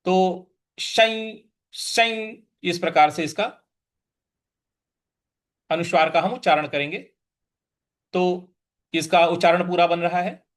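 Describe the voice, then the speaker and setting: Male scripture teacher, high voice, drawn-out chanting, patient, syllable-by-syllable pronunciation drills. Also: little pitch movement. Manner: chants verses in a drawn-out, sung tone. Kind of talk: slow recitation lesson.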